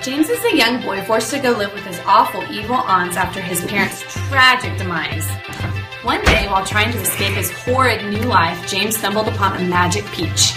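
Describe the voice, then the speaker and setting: A woman's voice: medium pitch, normal speed. A woman summarizing a book in a storytelling book talk. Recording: distant, echoey with music.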